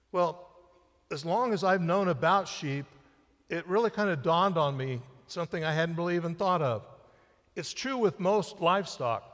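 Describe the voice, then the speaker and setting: A middle-aged male senior pastor preaching a conversational sermon in a church sanctuary, picked up by the church sound system, his voice rising and then falling to a hush for emphasis. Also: a little high. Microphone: church sound system mic. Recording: live-stream with long church reverb.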